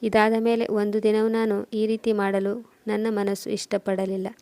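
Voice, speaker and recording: A woman reading a scripted first-person emotional story in a steady, measured way. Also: medium pitch, no echo. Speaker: narrator.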